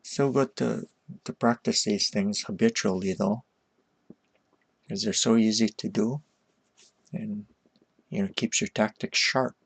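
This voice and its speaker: Slow, gravelly-voiced male streamer. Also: on the low side, steady tone, no room sound. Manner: unhurried, chats with viewers while solving puzzles. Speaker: streamer teaching shogi problems. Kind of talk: casual live-stream chat.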